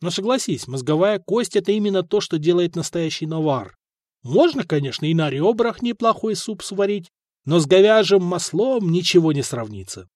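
A man's voice: sits high, lively intonation, moderate pace, darkish tone, no room sound, studio quality, pitched above the performer's own voice. A man voicing a hungry, eager and cheeky street boy. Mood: enthusing.

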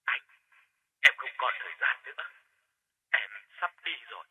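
A man's voice: medium pitch, very animated, measured pace, slightly rough, phone-quality sound, full character voice. A man voicing a ghostly younger brother who speaks in a faint, unvoiced whisper over the phone. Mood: urgent.

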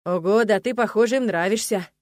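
A woman voicing a calm, teasing young male necromancer in an audiobook. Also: medium pitch, fairly quick, no echo, studio quality, natural voice. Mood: easy. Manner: unflappable, teasing. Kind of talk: audiobook character voice.

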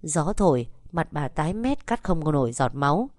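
A woman narrating a family story in a calm, measured reading voice. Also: deep voice, dry recording, clean studio sound.

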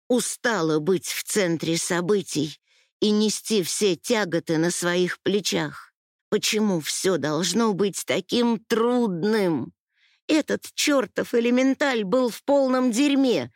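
A woman's voice: medium pitch, unhurried, dry recording, clean studio sound. A woman reading a first-person audiobook in an emotional, intimate style. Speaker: audiobook reader.

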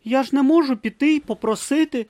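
Man doing a nervous young monk boy voice, high and earnest, kinda naive, dry sound. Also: brisk, darkish tone, no echo. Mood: anxious. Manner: earnest, hesitant, wide-eyed. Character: timid naive young male novice monk.

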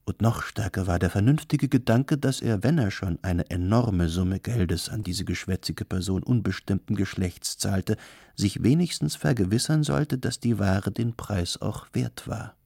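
A low-voiced man reads a novel aloud in measured narration. His voice is gravelly and dark, with a husky grain, in a dry, close recording. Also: no echo. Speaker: audiobook reader. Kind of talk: scripted narration.

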